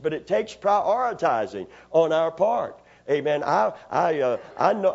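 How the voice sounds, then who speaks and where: A male pastor with a fairly high, slightly mellow voice preaches a sermon in a church sanctuary, calling on the congregation for amens and responses. His voice is raspy after Sunday preaching, and the recording has its highs cut off.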